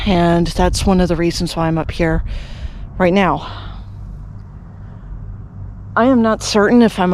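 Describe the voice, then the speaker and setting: A Canadian vlogger with a high voice narrates a casual walking vlog while strolling around a rural cemetery outdoors. He's chatty and rambling, full of fillers and restarts, and the audio has a little hiss or hum.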